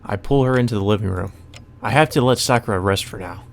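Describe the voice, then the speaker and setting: Over background music and slight noise, a man with a fairly low, gravelly voice hosts a let's play. He reads a visual novel aloud quickly, tossing in casual commentary and profane asides.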